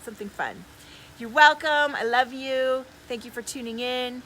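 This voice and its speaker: With clear outdoor noise behind her, a woman in the desert hosts a livestream as a healer, delivering casual new-age coaching with great enthusiasm and emphasis. Her voice is high and fairly bright, at normal speed.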